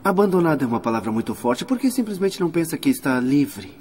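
A sly fake priest. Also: male voice, on the high side, very animated, fast, darkish tone, slight background noise. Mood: gentle. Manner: persuasive, conspiratorial. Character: man posing as a priest, sly and coaxing. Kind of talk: dubbed film acting.

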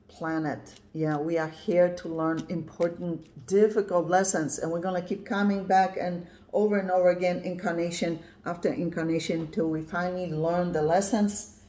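She's a tarot reader in her fifties from Poland, speaking emphatically and peppering an intuitive reading with "yeah" and "right?" while the camera films the cards on her indoor table. Her lowish voice is a bit slow and mellow, with fairly even intonation.

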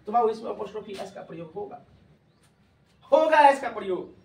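A man teaching English grammar to a class, calling students "babu" and quizzing them loudly. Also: high-pitched, animated, fairly quick, gravelly. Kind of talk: classroom lecture. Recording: echoey classroom from far off.

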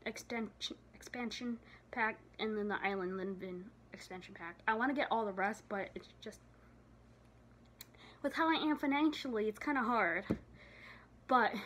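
A woman's voice: medium pitch, a bit bright, a little hiss or hum. Tired young woman rambling into her phone. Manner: rambling, filler-heavy, trailing off. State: tired, out of breath. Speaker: vlogger. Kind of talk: casual vlog chat. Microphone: phone camera.

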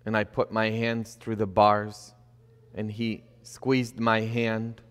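A man's voice: lowish voice, completely flat delivery, slow pace, smooth. A middle-aged man, a priest, preaching a sermon from a church pulpit, building emphasis and tossing in rhetorical questions. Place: church sanctuary, indoors. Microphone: fixed camera at a distance, pulpit. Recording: long reverb of a church hall.

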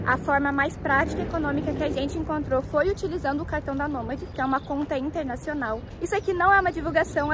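A woman's voice: high-pitched, background noise. A young woman from Brazil, chatting upbeat to her viewers in a travel vlog filmed outdoors on a phone held at arm's length. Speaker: travel vlogger. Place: outdoors, city streets and snowy mountains.

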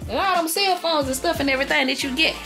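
A nosy old granny. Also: female voice, racing, bright, forceful tone, roomy sound, faint music behind. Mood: teasing. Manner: high, nosy, chatty questioning. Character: nosy old grandmother visiting, loud and gossipy. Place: indoors in a house.

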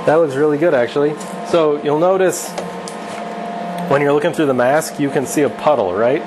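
A man in his thirties, the channel's host, casually shows his wife how to weld in their indoor home garage workshop. His voice sits fairly high and moves at a moderate pace, offhand and self-deprecating, with background noise behind it.

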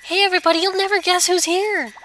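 A woman's voice: very high-pitched, steady tone, quick pace, a bit bright, slight background noise, voice pushed up. A woman voicing a naive, eager young tadpole boy from a video game, exclaiming in a childlike way. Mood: excited. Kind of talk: video game dialogue read aloud.

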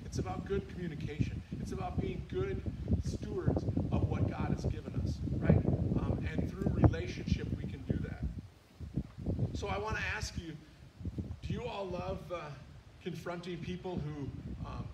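Guy preaching outdoors, chatty, lots of ums, kinda far off the mic, echo and loud traffic noise. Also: high voice. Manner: plain-spoken, asks listeners questions, frequent ums. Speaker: pastor preaching. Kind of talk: casual conversational sermon. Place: outdoor church courtyard service. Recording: echoey, distant outdoor sound with loud noise.

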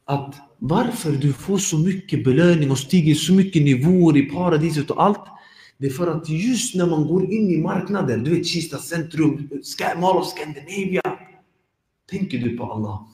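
A man gives an informal dawn talk to a congregation, lively and animated as he acts out examples. His voice sits fairly high. The room is echoey with a long reverb. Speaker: preacher giving a dawn reminder.

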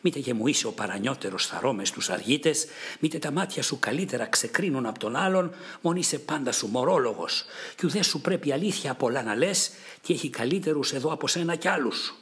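A man's voice: medium pitch, lively intonation, fairly bright tone, voice pushed up, close to an everyday voice. A man voicing a scornful swift-footed warrior who mocks a king in an epic poem reading. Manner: mocking, scornful.

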